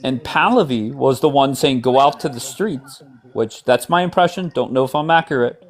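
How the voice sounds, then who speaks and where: A man's voice: mid-range voice, normal speed. A man hosting a livestream call-in debate, blunt and profane, cutting in on his guests. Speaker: livestream host. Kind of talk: heated political call-in chat.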